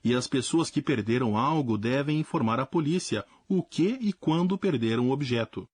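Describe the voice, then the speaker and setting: A man teaching a language lesson in a clear, explanatory scripted narration. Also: medium pitch, expressive, moderate pace, darkish tone, no echo, studio quality.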